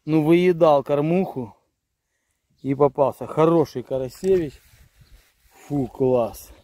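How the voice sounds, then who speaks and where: A middle-aged man vlogs his fishing trip beside a river, chatting casually, stumbling over words and muttering to himself. His voice sits on the high side, slow, with a dark tone. He records on a phone held at arm's length.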